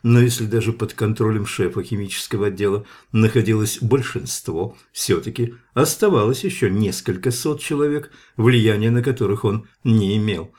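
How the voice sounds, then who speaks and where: A man narrating an audiobook in a steady, measured reading. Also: on the low side.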